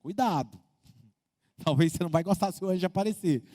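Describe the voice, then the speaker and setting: A male pastor preaching a sermon in a church, animated, acting out his congregants' voices and swinging between loud and hushed. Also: high-pitched, fast talker, long reverb tail. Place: church auditorium.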